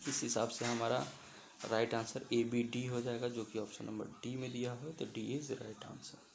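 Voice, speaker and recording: A man with a gravelly, fairly monotone voice explains quiz questions like a teacher. He goes through each answer option step by step and drops English terms into his explanations. A faint hiss sits under the recording. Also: medium pitch, moderate pace. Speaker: exam-prep teacher.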